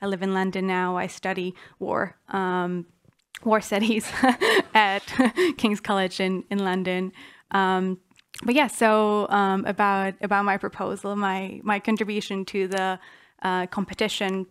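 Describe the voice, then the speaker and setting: Smooth-voiced young woman from Czechia. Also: mid-range voice, level tone, unhurried, no echo, studio quality. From Czech Republic. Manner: earnest, many fillers and restarts. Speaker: student panelist. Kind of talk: panel presentation.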